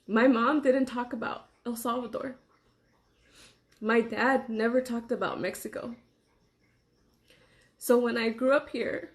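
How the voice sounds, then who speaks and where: A young woman from Los Angeles, speaking earnestly in a personal monologue to camera, pausing between phrases. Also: on the high side. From Los Angeles, USA. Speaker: vlogger.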